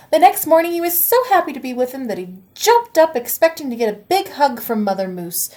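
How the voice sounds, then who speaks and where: Reading a children's picture book aloud, a woman teacher uses an expressive, animated storytelling style in a slightly high voice.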